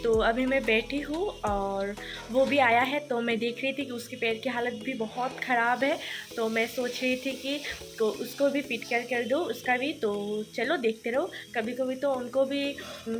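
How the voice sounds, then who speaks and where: A woman narrates her day in a relaxed, chatty vlog, joining each thought to the next with "so". Her voice sits a little high, and music plays clearly behind her. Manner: chatty, strings sentences with "so". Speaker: vlogger.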